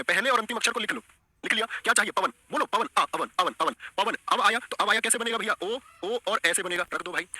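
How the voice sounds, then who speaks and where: A man's voice: high-pitched, sharp tone, no room sound. A man teaching an online exam-prep lesson, coaxing the class and repeating his questions.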